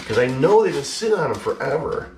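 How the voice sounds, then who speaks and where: A man's voice: a little high, sing-song, fast talker, noisy background. A man collector talking casually in a blunt, exasperated way and swearing freely. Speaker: mask collector. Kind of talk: casual vlog ranting.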